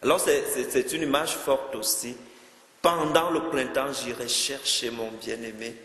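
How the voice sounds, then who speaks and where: A man's voice: medium pitch, steady tone, measured pace, a bit bright, roomy sound, in a large hall. A man, a priest, giving an interactive Bible teaching, asking his listeners questions and repeating words as he goes.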